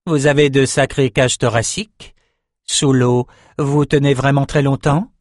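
A man's voice: mid-range voice, little pitch movement, unhurried, no echo, studio quality, pitched above the performer's own voice, lightly acted. A man doing a curt, commanding battle sorceress. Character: bold, cold-blooded young woman battle magician.

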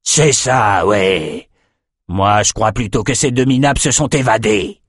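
A man's voice: fairly low pitch, unhurried, dry recording, clean studio sound. A man voicing a brutal barbarian king who barks orders and threats. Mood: menacing. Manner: commanding, menacing.

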